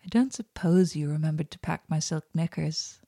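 Narrator doing a snippy sarcastic woman, low husky voice. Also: normal speed, dark tone, no room sound, studio quality. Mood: cross. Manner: sarcastic and clipped. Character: sharp-tongued, cross young woman.

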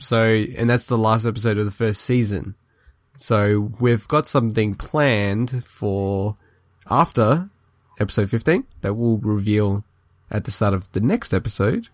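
A man's voice: on the low side, dry recording, studio quality. A man co-hosting a podcast in casual chat, laughing heartily and wrapping up the show. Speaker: podcast co-host.

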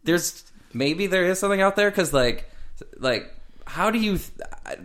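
A young man co-hosting a casual podcast chat, rambling and animated with lots of fillers. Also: high-pitched, measured pace. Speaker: podcast co-host.

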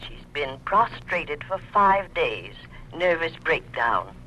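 An actress playing a formal, guarded housekeeper, heard over a payphone line. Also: female voice, low voice, big pitch swings, slow pace, pushed and bright, full character voice. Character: formal, cool-mannered housekeeper. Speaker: housekeeper answering the phone. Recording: dull lo-fi phone line, faint hiss.

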